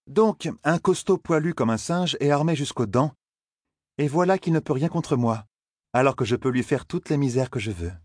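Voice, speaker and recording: A man's voice: medium pitch, lively intonation, moderate pace, dry recording, close to an everyday voice. Man doing a stern, mocking female sorceress leader, condescending, audiobook drama, dry close sound. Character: stern, powerful older woman leader of a sorcerous order.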